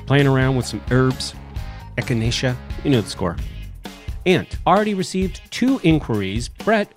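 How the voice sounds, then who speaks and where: A man's voice: mid-range voice, big pitch swings, normal speed, soft background music. A man hosting a casual podcast, with a congested nasal voice as if pinching his nose, talking in a wry, dryly joking way. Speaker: podcast host.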